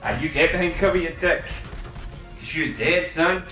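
A young man giving loud, sweary commentary while playing a VR shooter, taunting the enemies and getting out of breath. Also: fairly high pitch, lively intonation, normal speed. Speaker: gaming video creator. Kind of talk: excited gameplay commentary. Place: room while playing a VR game. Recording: roomy, distant mic, game music behind.

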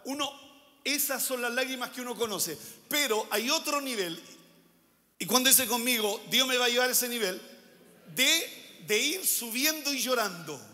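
A male pastor delivers a sermon, circling back to key phrases and posing questions to the congregation. His voice sits high and sounds bright and forceful. The long reverb of a church hall trails behind every word. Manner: preaching with repeated phrases and rhetorical questions.

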